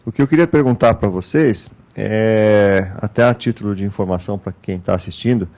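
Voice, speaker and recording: Um homem com sotaque brasileiro que modera uma reunião clínica online, com fala pausada e muitos "né?". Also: male voice, lowish voice, darkish tone. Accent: Brazilian Portuguese. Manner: measured, frequent "né?" tags. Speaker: meeting moderator. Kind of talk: online clinical case meeting.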